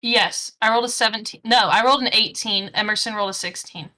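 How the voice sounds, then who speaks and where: A woman with a bright voice plays in a tabletop game. She talks in a casual, direct way, firing off questions and saying what her character does. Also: medium pitch. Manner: casual and direct, asking the dungeon master quick questions. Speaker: player.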